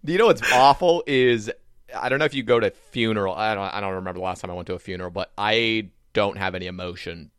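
A young man in casual chat, rambling in quick bursts and swearing. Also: fairly low pitch, a bit bright, smooth, no echo, studio quality.

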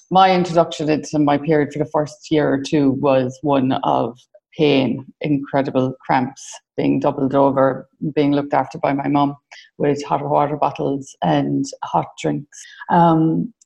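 An Irish woman in her forties, appearing as a podcast guest, gives casual interview answers, hesitating often with ums and restarts. Her deep, gravelly voice is a little mellow, with a flat delivery at a measured pace. The audio sounds dull.

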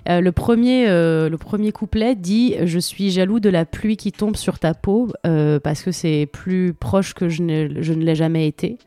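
With a warm, lowish voice, this woman speaks unhurriedly and with few pauses as she enthusiastically discusses song lyrics on a podcast, hesitating often. She's a co-host and a native French speaker, and the recording is dry.

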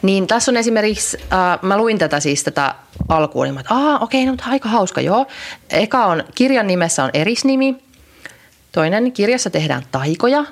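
A woman's voice: mid-range voice, lively intonation. A young adult woman co-hosting a podcast, chatting in a rambling way with many fillers and restarts. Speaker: podcast co-host. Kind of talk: casual chat.

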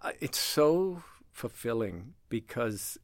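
Speaking slowly in a mid-range voice with no room sound, the older director of a language center recounts stories during a relaxed interview. He performs the dialogue himself, full of animation and frequent laughter.

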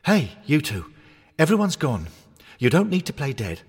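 A man's voice: a little high, wildly swooping pitch, moderate pace, breathy edge, big-room sound, voice pushed up, heavily acted. A man voicing a peppy hornet mascot toy. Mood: urgent. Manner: earnest, coaxing pep talk. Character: cheerful male hornet mascot toy, upbeat and bossy.

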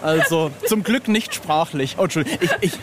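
Speaking a little fast in a voice on the high side, a middle-aged man who illustrates record covers talks informally as an interview guest. He comes across as hesitant and self-mocking, frequently groping for words. Background noise can be heard.

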